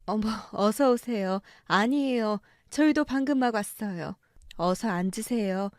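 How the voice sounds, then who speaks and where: A woman's voice: medium pitch, a little slow, darkish tone, clean tone, no echo, studio quality. A woman playing a long-suffering middle-aged wife and mother who talks in a weary, pleading way in a story radio drama. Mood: gracious.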